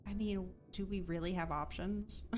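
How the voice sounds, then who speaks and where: A young woman streamer chatting casually while she plays a video game, excitable and talkative, breaking into squealing disbelief. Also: mid-range voice, unhurried, a little hiss or hum. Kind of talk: casual live-stream commentary.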